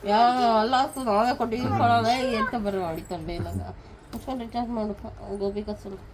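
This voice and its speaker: A woman's voice: a little high, fast. A woman, insistently nagging her husband at home. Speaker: wife and mother. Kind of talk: casual family banter. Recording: clear background noise.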